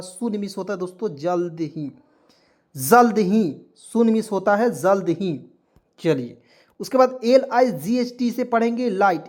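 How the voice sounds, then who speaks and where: A man teaching English vocabulary. He spells every word out letter by letter, says it over several times and keeps quizzing his viewers in a patient classroom manner. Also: high voice. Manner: spells words letter by letter and repeats them often; keeps asking questions of the viewers.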